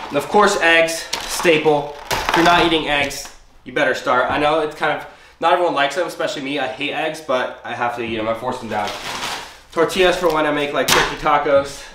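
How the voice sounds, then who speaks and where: A man's voice: a little high, brisk. A young man with a congested, stuffy voice, chatting through a grocery haul in a casual vlog. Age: young adult. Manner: chatty, upbeat, explains item by item. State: congested, sick. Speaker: vlogger. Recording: roomy, distant, noisy home recording.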